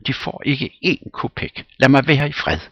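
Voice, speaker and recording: Shrieking indignant widow, voiced by a male reader, high squealing pitch, husky edge, dull dry sound. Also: big pitch swings, dry recording. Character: shrill outraged young widow.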